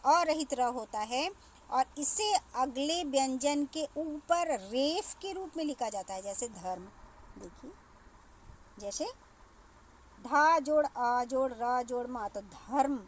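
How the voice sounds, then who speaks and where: High-voiced woman teaching a lesson. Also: a little mellow, slight background noise. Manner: explains slowly, repeats words and sounds to pupils. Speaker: school teacher. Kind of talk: classroom lesson.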